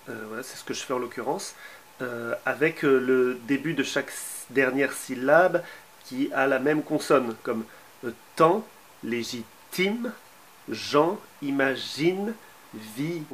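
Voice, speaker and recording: A man's voice: on the high side, slight background noise. Hesitant man explaining songwriting. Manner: hesitant, many filler sounds. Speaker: songwriter giving a tutorial. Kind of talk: casual video tutorial.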